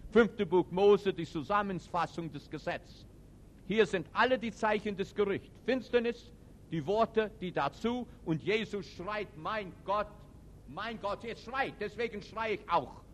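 Emphatic preacher with a lively, high-leaning voice. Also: male voice, slight background noise. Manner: emphatic, swings between loud outbursts and quiet reflection; non-native German grammar. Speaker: preacher and teacher. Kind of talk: sermon to a live audience.

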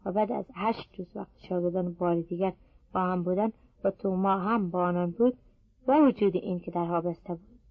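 A woman reading scripture aloud in a steady, measured voice. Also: fairly low pitch, no room sound, narrow, tinny audio. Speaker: scripture reader.

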